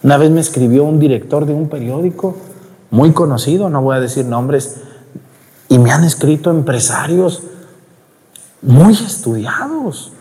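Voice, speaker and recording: A Mexican priest preaches to his congregation in a slightly high voice. He talks a lot and scolds with a grumbly edge, peppering the pews with questions. His words ring out under a long church reverb. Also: animated, a little slow, mellow. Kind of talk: Sunday-style homily at Mass. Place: church during Mass.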